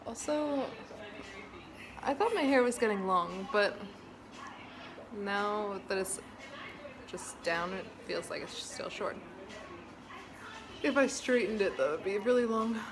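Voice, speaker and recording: A woman's voice: mid-range voice, takes it slowly, long pauses. Chatty young woman vlogging on camera. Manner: chatty, laughs easily, talks to camera. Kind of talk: casual vlog chat. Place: home and outdoors in hot weather. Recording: noisy handheld camera audio.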